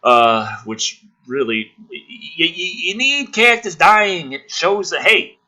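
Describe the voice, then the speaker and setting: Hosting a movie script review, this man reads a screenplay aloud with ranting, sarcastic, profane and exasperated commentary. His sharp voice sits high, and he's very animated yet takes it slowly.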